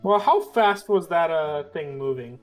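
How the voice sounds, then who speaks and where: A man's voice: fairly high pitch, expressive, measured pace, soft background music. A man playing in a tabletop game, upbeat and joking. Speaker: player.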